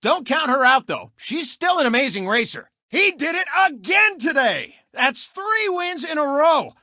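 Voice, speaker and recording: In a video game, a man voices a cocky, gloating cartoon race car who hosts a sports show as racer and TV commentator, delivering brash, smug, theatrical sportscasting and taunts. His very high voice is sing-song, bright, and forceful at a measured pace, in a full character performance recorded cleanly in a studio with no room sound.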